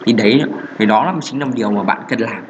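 A man's voice: on the low side, fast. A man talks through a solo podcast in a loose, rambling way. He stops often on fillers and restarts his sentences. The audio is a little dull, with a faint hiss of noise behind him. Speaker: podcast host. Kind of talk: casual solo podcast talk on marketing.

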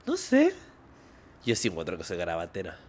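A young man with a Chilean accent, co-hosting a podcast in an animated, campy, giggly way. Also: deep voice, fairly quick. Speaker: podcast co-host. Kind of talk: casual chat.

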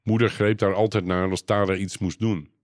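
Low-voiced male storybook narrator. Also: level tone, moderate pace, no echo, studio quality.

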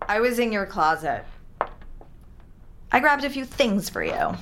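An actress playing a formal, overly polite attendant who calmly guides someone through strange instructions. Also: female voice, mid-range voice, a little slow, slight background noise. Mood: clinical. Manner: calm, formal, clinical instructions. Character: overly polite woman attendant guiding a captive.

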